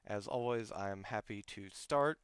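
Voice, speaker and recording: A man's voice: lowish voice, normal speed, clean tone, dry recording. A man hosting a casual livestream podcast interview, rambling with many fillers and restarts, his voice a little worn. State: losing his voice. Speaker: podcast host.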